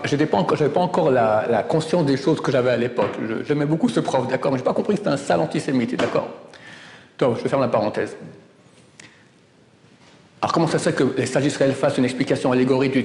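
A man teaching Torah as a sermon, emphatic, with loud exclamations and hushed asides. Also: medium pitch, quick pace, reverberant, long reverb tail, slight background noise.

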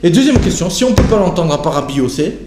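A man with a fairly high voice leads a Talmud study lesson as a religious teacher. He works through the text phrase by phrase, restarting as he goes, and lifts into a sing-song chant whenever he quotes a passage. The room is echoey, with faint ambience behind him. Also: sing-song, fast, noisy background. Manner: rises into a sing-song chant when quoting texts.

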